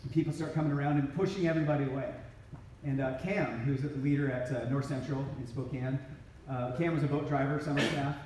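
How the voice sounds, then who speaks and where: A man's voice: mid-range voice, steady tone, fast talker, a little mellow, distant mic, a little hiss or hum. A middle-aged man giving an inspirational talk to a conference crowd, storytelling and acting out quoted lines with energy. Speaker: regional ministry director. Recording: echoey hall from off-mic.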